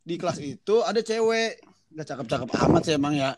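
High-voiced young man, swears nonstop. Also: a little fast, a little hiss or hum. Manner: swears constantly, lively and self-mocking while telling an embarrassing childhood story. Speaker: storyteller in a casual chat. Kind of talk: casual chat.

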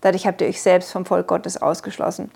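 A woman's voice: on the low side, level tone, brisk, creaky, a little mellow, slightly rough. A woman giving an earnest Bible commentary in a sermon style, explaining a passage step by step and lifting her voice to stress key points. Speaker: Bible teacher.

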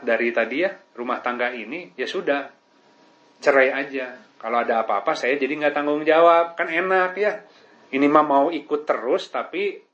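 A man's voice: fairly high pitch, a bit bright. A man giving a casual religious lesson as a preacher, talking conversationally and often asking "right?". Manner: conversational, peppered with tag questions. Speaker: Islamic preacher. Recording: dull lo-fi recording.

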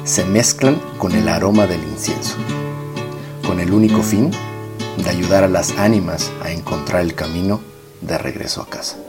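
Un hombre con acento mexicano que narra un cuento con guion, de manera descriptiva. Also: male voice, low voice, moderate pace. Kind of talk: scripted storytelling narration. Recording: guitar music loud behind.

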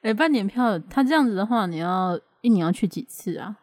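A woman's voice: medium pitch, lively intonation, a little fast, darkish tone, dry recording, studio quality. Woman, podcast co-host, teasing, laughs a lot, casual chat. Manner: teasing, laughs often, steers the talk.

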